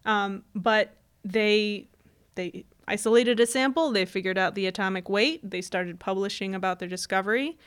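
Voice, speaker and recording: A woman's voice: medium pitch, moderate pace, clean tone. Chatty woman telling a history story. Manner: chatty storyteller, laughs often, acts out quotes. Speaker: podcast co-host telling the story. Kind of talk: casual history podcast chat.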